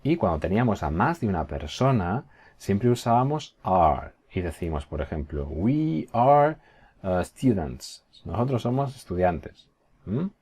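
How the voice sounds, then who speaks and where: A male teacher giving a recorded class, patiently explaining and slowly modeling example phrases, often checking in with his students. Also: deep voice, very animated, a little mellow, breathy edge. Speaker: English teacher.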